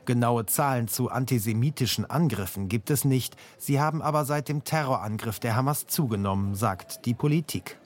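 A man narrating a scripted TV news report in a measured, factual manner. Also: mid-range voice.

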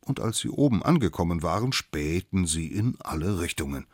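A man reading a children's storybook aloud with playful, lively narration. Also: low voice, normal speed, dry recording, clean studio sound.

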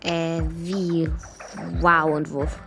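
A woman's voice: sits low, level tone, extremely slow, bright, forceful tone, soft background music, exaggerated voice. A woman playing a skeptical, practical young boy in a children's radio play, dry and questioning in manner.

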